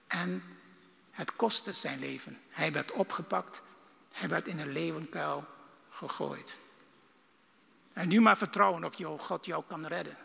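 A man preaching a sermon with fervour, swinging between loud bursts and hushed lines. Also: on the high side, unhurried, gravelly, pauses often, breathy edge, in a large hall.

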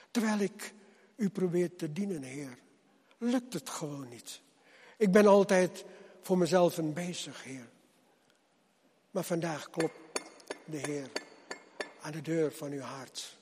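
A man preaching a sermon to his congregation, slow and husky, his voice swelling loud and then dropping low as he calls them to come. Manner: slow, swelling and dropping loudness with repeated appeals. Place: church hall. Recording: long reverb of a church hall.

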